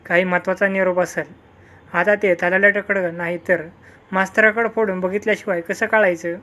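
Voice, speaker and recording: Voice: medium pitch, fairly even intonation, fairly quick, bright, forceful tone, lightly acted. A storyteller voicing an older village man who talks in a rustic, chatty way. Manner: rustic village dialect speech. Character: old village man Taral, rustic and talkative.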